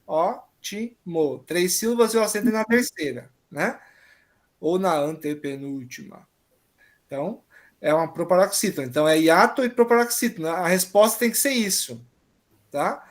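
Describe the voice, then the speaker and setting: A man's voice: sits high, moderate pace. A man teaching an online exam-prep grammar lesson, patiently explaining and often checking that students follow.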